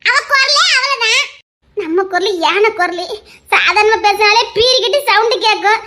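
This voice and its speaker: A young woman, voicing a cheeky village woman in loud, laughing, bickering audio-drama banter. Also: extremely high pitch. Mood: teasing.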